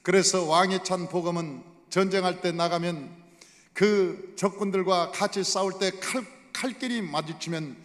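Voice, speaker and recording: In a church sanctuary, a male pastor delivers a sermon at normal speed, telling stories and speaking directly to his congregation. His voice is high for a man, and a long reverb from the hall lingers behind each phrase.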